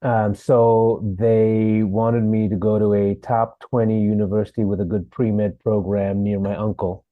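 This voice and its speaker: Low-voiced man on a phone-like line. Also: measured pace, hardly any pauses, no room sound. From Sri Lanka. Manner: relaxed storytelling with laughs and fillers. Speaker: guest, actor. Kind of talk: interview.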